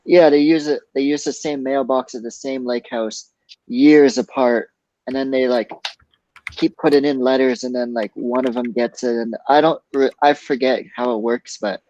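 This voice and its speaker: A man's voice: medium pitch, fairly even intonation, normal speed, dark tone, no echo. A man chatting casually on a video call, loose and hesitant with lots of fillers. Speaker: podcast guest. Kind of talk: casual chat. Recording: dull, lo-fi video call audio.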